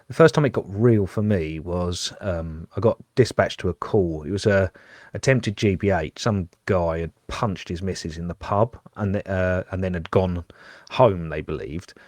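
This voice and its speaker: Low-voiced man telling stories. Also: a little slow, no echo, studio quality. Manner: lively anecdotal storyteller. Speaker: podcast co-host, former police officer. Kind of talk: casual storytelling chat.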